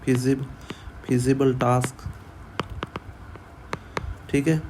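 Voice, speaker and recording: Slow, repetitive teacher, man. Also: mid-range voice, level tone, noisy background. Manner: repeats each word many times, asks and answers own questions. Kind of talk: vocabulary lesson for exam students.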